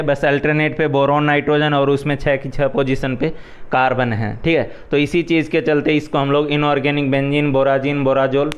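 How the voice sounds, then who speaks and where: Male chemistry teacher with a Hindi accent, clear and resonant voice, patient step-by-step revision delivery. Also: on the high side. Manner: explains step by step, repeats "ठीक है" often. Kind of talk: exam revision lecture.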